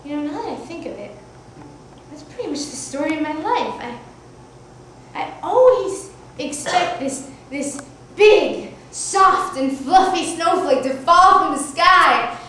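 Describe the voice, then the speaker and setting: A woman's voice: sits high, animated, a little slow, pushed and bright, distant mic. A woman performing a one-woman comedy monologue on stage, telling a wide-eyed story with laughter. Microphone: far from the mic. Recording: echoey stage heard from afar, noisy.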